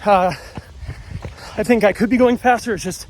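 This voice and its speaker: Man vlogging while running, higher-pitched voice. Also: normal speed, a little mellow, a little hiss or hum. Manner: talking while running, effortful. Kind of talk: casual vlog talk to camera. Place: outdoors on a trail. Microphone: handheld phone.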